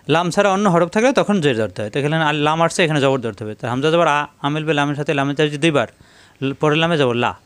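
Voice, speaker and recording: Man, Quran reading teacher, smooth clear voice, slightly high, spells out syllables, slow recitation, dry close sound. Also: no room sound. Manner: spells words out letter by letter, then recites verses slowly; patient, repeatedly tells listeners to pay attention. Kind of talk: tajweed reading lesson.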